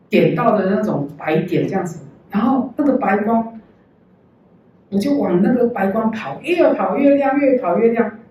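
A woman tells her faith testimony with earnest emotion, her voice mellow and dark in tone. She is recorded from well back in a church hall, so her words ring with heavy echo and a faint hiss underneath. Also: medium pitch. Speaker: church member giving testimony. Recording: very echoey hall, mic far off.

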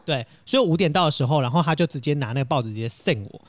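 A young man with a Taiwanese Mandarin accent tells a dramatic story at a rapid clip. His pitch swings widely and sits a bit high. The recording is dry and close. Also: no echo. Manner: animated, self-dramatizing, laughs while telling. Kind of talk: casual storytelling chat.

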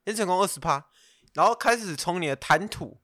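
A man's voice: high voice, expressive, fairly quick, pushed and bright, dry recording, clean studio sound. A man, a guest giving brash, coarse dating advice in a casual podcast chat, laughing often. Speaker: guest, pickup coach.

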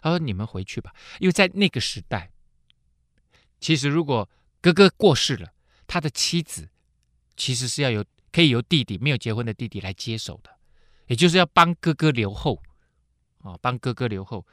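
A man hosting a radio Bible teaching program, explaining scripture with lively storytelling full of filler particles. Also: mid-range voice, moderate pace, long pauses, dry recording, clean studio sound.

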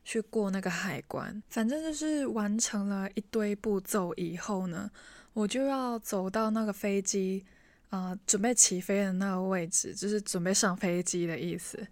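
A woman's voice: medium pitch, normal speed, dry recording. Chatty woman telling a story, dry sound. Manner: chatty, animated, speaks straight to the listener. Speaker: vlogger. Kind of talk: casual storytelling to camera.

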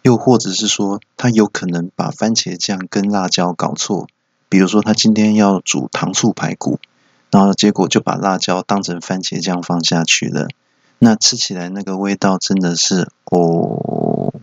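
A man's voice: deep voice, steady tone, normal speed, no room sound. A man hosting a solo comedy podcast, telling playful stories. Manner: playful storytelling. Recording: dull, dry lo-fi home recording.

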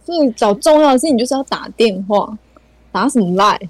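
A woman's voice: a little high, lively intonation, a little fast, dry recording. A woman co-hosting a casual podcast, laid-back and questioning, laughing easily. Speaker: podcast co-host.

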